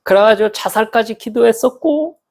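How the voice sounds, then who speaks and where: A male pastor preaching a sermon in a church, animated and acting out the voices of people he quotes. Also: sits high, moderate pace. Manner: animated, acts out quoted speech with lively swings in tone.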